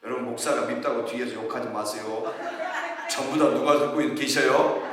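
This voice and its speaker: A male pastor preaching a sermon in a church, addressing the congregation and building to shouts. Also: medium pitch, steady tone, normal speed, crowd noise. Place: church sanctuary. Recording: echoey hall, from far off.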